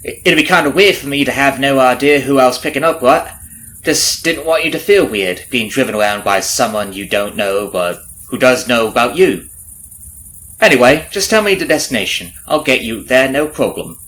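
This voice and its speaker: In a mid-range, fairly bright voice close to everyday speech, expressive and at normal speed, the man voices a falsely friendly stand-in carriage driver, now chummy and apologetic. He rambles folksily to the listener in this ASMR audio drama, prying and hesitant with sly, mock-innocent asides. A horse clip-clops amid noisy carriage sounds.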